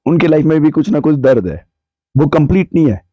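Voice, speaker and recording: A man with a sore, hoarse throat, explaining his views on a podcast in a measured way that weighs both sides. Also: on the high side, lively intonation, dry recording, muffled recording. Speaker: podcast guest answering questions. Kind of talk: reflective podcast discussion. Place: cold hill town, bundled up.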